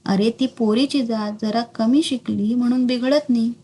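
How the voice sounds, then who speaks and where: A woman voicing an elderly royal grandmother in a spoken storybook, affectionate and gently scolding. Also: on the high side, steady tone, normal speed, husky. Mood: fond.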